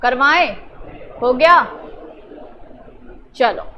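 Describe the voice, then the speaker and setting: A woman teacher drilling a class on family words, teasing and prodding students to answer loudly. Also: high voice, lively intonation, very slow. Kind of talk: classroom lesson.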